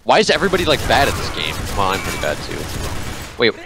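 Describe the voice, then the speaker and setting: A young man casually commentating his online gameplay, excitable and joking, often yelping when he gets a kill. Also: mid-range voice, fast. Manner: excitable, yelps and jokes. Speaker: gamer. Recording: game music behind.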